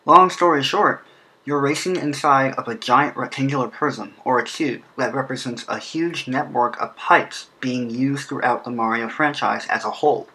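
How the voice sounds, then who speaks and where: Bright-voiced man with a lisp from an underbite. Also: mid-range voice, normal speed, poor audio. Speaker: video creator presenting a fan game track design. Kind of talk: scripted explainer narration.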